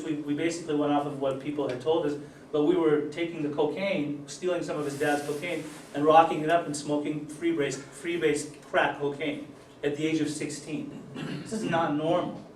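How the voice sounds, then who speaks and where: A middle-aged man born in Germany and raised in Utah, giving an earnest personal recovery testimony with many fillers and pauses. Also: a little high, a little hiss or hum. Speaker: recovery speaker. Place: event hall. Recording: echoey hall, distant mic.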